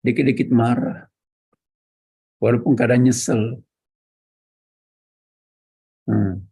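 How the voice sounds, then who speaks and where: A man preaching a religious lecture, speaking directly to his listeners and repeating key words for emphasis in a measured, teaching delivery. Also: mid-range voice, steady tone, warm tone, breathy edge. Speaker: Islamic preacher.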